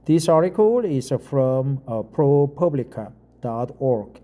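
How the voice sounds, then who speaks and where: Halting, with frequent fillers and restarts, a middle-aged Korean man talks casually and reads an article aloud in his non-native English. He has a Korean accent and an expressive, dark-toned, mid-range voice.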